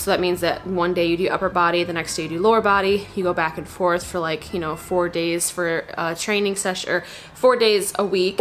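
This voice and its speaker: A woman's voice: medium pitch, fairly bright tone, a little hiss or hum. A heavily pregnant young woman talking casually to camera as a fitness vlogger, explaining things in an informal, conversational way. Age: young adult. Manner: conversational, informal, peppered with "like" and "you know". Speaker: fitness vlogger, workout demonstrator. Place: small home garage gym, indoors.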